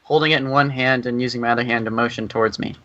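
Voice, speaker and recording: Tentative, bright-toned man player. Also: mid-range voice, steady tone, rapid-fire, highs cut off. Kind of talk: casual tabletop game chat.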